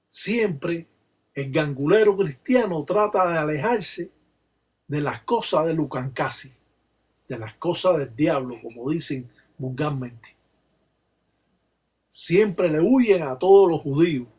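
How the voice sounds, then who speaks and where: Slow husky Cuban man. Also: a little high, animated, a little mellow. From Cuba. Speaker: Palo Mayombe religious teacher. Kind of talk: slow explanatory talk.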